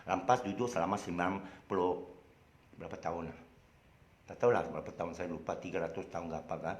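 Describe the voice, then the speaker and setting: A man's voice: deep voice, fairly even intonation, fast. A man with a Malaysian accent gives a casual, rambling history talk, dotted with "ah" fillers. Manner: rambling, heavy on "ah" fillers, colloquial. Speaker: lecturer. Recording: roomy echo.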